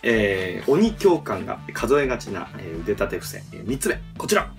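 A man's voice: lowish voice, big pitch swings, moderate pace, vocal fry, over music. A man in his thirties hosting a casual, comedic presentation with a partner in a small room. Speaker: host, member of a comic duo presenting. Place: small plain room indoors. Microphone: camera a short distance away.

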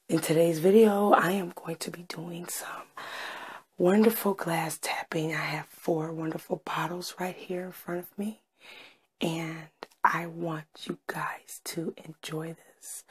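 Slow, breathy whispering woman. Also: fairly low pitch. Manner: soft whispering, slow and soothing. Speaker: ASMR creator. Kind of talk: ASMR.

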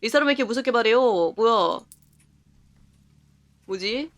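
Chatty woman streamer, slightly high voice. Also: expressive, lo-fi sound. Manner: chatty, laughs often, talks to herself while playing; reacts to the game with quick surprised remarks. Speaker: game streamer. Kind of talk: live game commentary.

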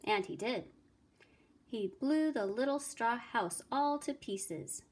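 A woman teacher reading a fairy tale aloud in a slow, deliberate, expressive way. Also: a little high, husky. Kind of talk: storybook read-aloud.

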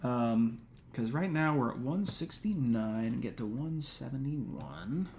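A man's voice: medium pitch, big pitch swings, measured pace, a little mellow, slight background noise. A man in his twenties giving casual, rambling gameplay commentary on a live stream, full of "um" and easygoing slang. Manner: rambling, laid-back, frequent "um" and slang like "dude" and "man". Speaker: let's play streamer.

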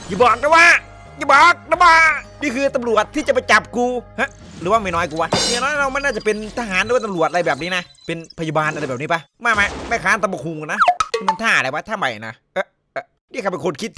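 A man's voice: sits high, pushed and bright. A young man streaming a shooter game, cracking crude jokes and swearing through rowdy comedic commentary. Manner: rowdy, joking and crude, full of swearing and banter.

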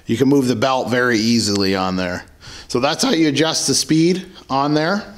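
A man's voice: mid-range voice, expressive. Man casually demoing a tool in his garage. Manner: plain, unhurried, self-correcting explanations. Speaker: homesteading channel host. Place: home garage workshop. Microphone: camera mic off-screen, hands in frame.

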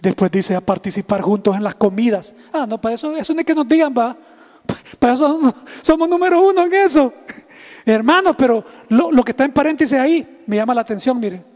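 A male pastor, preaching a livestreamed sermon in a lively, teasing way and calling out to chat viewers. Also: extremely high pitch, fairly quick, big-room sound.

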